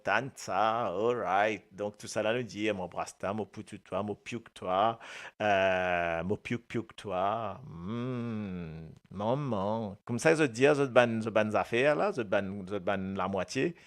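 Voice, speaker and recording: A man with a Mauritian accent giving a casual, animated language lesson, often repeating his words and joking. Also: fairly low pitch. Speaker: Creole language presenter.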